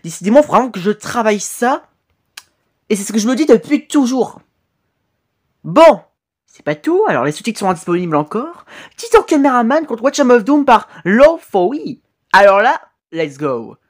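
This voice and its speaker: A man hosting a casual video reaction, excitable, often swearing and exclaiming at the screen, with frequent hesitant fillers and self-corrections. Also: very high voice, moderate pace. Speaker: YouTube reaction host.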